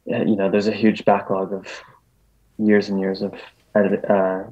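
A man's voice: on the low side, monotone, moderate pace. A man speaking as an interview guest in casual talk, hesitant, with many ums and restarts. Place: New York. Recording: dull lo-fi recording.

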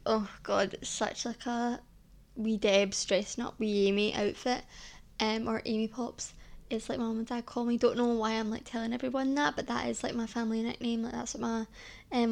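A woman's voice: on the high side, flat delivery, moderate pace, vocal fry, a little mellow. A Scottish woman in her twenties hosting a solo podcast, chatting casually in a rambling way with lots of "like" and "um". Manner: chatty, rambling, heavy use of "like" and "um". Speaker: podcast host.

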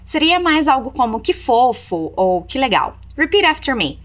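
A woman teaching English. She gives repeat-after-me drills, slows down to model English phrases, then explains them in Portuguese. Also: high voice, very animated.

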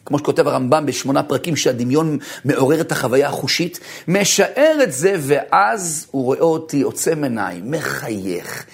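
A man, a rabbi, giving an animated lecture full of stories, swinging from low murmurs to high bursts and laughing as he tells them. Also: creaky, husky. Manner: laughs while telling stories.

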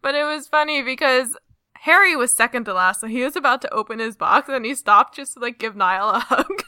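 A woman's voice: a little high, a little fast, bright, forceful tone, no room sound. A young woman co-hosting a podcast, telling stories in a bubbly, gushing way. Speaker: podcast co-host. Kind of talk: casual chat.

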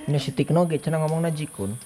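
A man's voice: on the high side, quick pace, mellow. A man in casual chat, joking around and asking questions.

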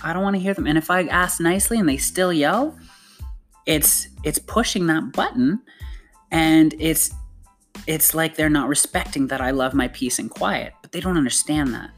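A mother talking casually and earnestly about healing and parenting, often restarting her sentences. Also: low-pitched. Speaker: mother giving self-help advice. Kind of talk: casual motivational talk.

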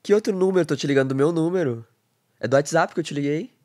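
A man talking as a podcast guest in a relaxed, casual way, full of fillers. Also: fairly high pitch, fast. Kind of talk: casual conversation.

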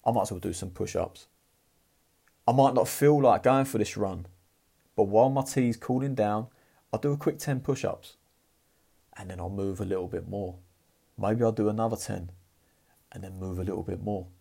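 A man's voice: on the low side, normal speed, creaky, long pauses, warm tone, breathy edge. A man giving a blunt, profane motivational talk in a casual, fired-up way. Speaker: motivational vlogger.

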